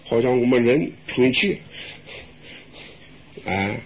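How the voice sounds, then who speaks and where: An older man, a monk, giving a gentle, chuckling Buddhist talk in an unhurried way. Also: mid-range voice, expressive. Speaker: elderly monk answering questions. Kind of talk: dharma talk with live interpretation. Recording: dull lo-fi recording with faint hiss.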